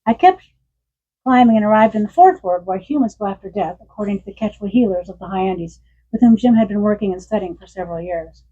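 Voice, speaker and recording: A woman in her sixties, an author at a bookstore event, reads from her memoir and spins warm stories full of laughs. Her medium-pitched voice moves at a quick pace over lo-fi audio.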